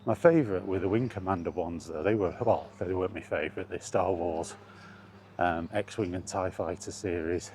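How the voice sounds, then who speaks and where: Walking outdoors along streets or paths, a solo vlogger muses casually to himself with trailing asides. His voice sits low with a darkish tone, and he speaks at a normal speed. Environmental sounds make the recording noisy.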